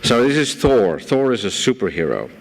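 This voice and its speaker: Speaking as a guest speaker in a conference hall, a man from the Netherlands with a Dutch accent tells stories with gentle, self-deprecating humor. His mid-range voice moves at a moderate pace with big pitch swings, and the audio has lecture-room hall reverb.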